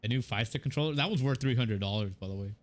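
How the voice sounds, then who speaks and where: A man's voice: mid-range voice, fast talker. A man in his twenties from Mexico, chatting casually and a bit hesitantly while streaming a game. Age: 20s. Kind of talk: casual gameplay chat.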